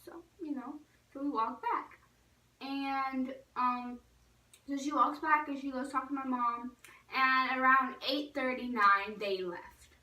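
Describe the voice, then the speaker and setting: A young woman with a bright, high-set voice tells a casual storytime for her vlog, chatty and full of acted-out quotes. She sounds a little distant from the mic. The room around her rings with echo. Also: steady tone, takes it slowly. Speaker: vlogger.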